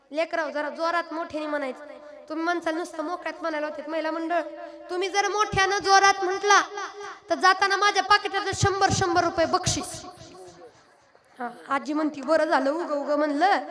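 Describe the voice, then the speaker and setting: A very high-pitched woman gives a devotional kirtan sermon through a PA microphone. She teases and coaxes her listeners to chant louder. A live crowd is clearly heard behind her. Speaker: kirtan preacher. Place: live religious gathering with audience. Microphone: microphone through a PA system. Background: audience responding and chanting.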